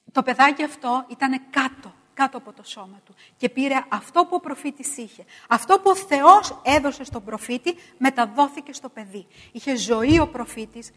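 A middle-aged woman preaching a sermon, emphatic and repetitive, swinging between loud stresses and hushed asides. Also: sits high, big-room sound.

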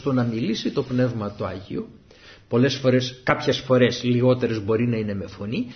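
Male preacher, animated sermon, slightly high voice, muffled lo-fi recording. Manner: animated, acts out scripture scenes in lively voices. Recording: dull lo-fi recording.

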